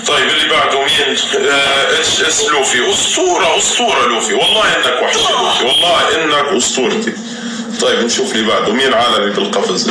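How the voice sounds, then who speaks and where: A man doing fast, teasing live game commentary while hosting custom rooms and cheering players on. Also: mid-range voice, heavy background noise. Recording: roomy, distant mic, loud music.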